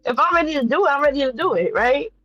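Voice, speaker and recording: A woman's voice: high-pitched, animated, quick pace, fairly bright tone, no echo, highs cut off, faint music behind. A woman chatting candidly and bluntly on a livestream, swearing freely and repeating phrases for emphasis. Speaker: livestream host. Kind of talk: casual, candid livestream chat to viewers.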